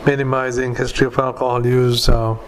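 A man dictating medical notes as a clinician, in clipped fragments with spoken punctuation and formatting commands, in a flat monotone. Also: medium pitch, brisk, slight background noise.

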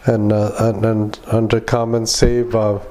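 A man with a lowish voice and very flat intonation delivers medical dictation. He speaks as a clinician, in short broken phrases with frequent hesitations, calling out punctuation and formatting as he goes. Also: a little hiss or hum. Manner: halting, fragmented clipped phrases with frequent long hesitations. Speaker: clinician dictating psychiatric notes.

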